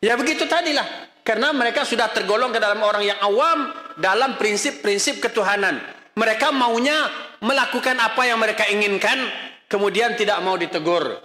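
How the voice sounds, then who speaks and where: A man's voice: sits high, a little fast, bright, forceful tone. A middle-aged man giving a religious lecture as an Islamic preacher, emphatic and scolding, full of rhetorical questions. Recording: echoey hall reverb.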